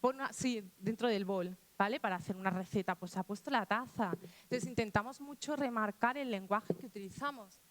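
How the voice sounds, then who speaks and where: A woman's voice: medium pitch, fairly quick. A woman from Spain speaking to teachers in a conversational talk, often acting out quotes from children and restarting her sentences. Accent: Spanish.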